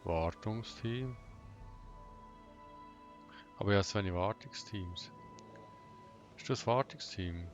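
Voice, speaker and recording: Low, monotone man, slow and emotionless. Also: dull audio. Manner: flat, monotone, emotionless delivery. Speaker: gamer playing a first playthrough. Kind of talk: casual gameplay commentary, muttering to self. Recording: loud game music behind. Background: game music.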